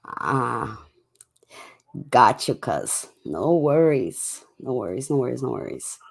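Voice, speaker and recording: Late at night, a livestream host chats with viewers in a relaxed, casual way while sick with a cough that is making the voice hoarse. The mid-range voice is sing-song and slow.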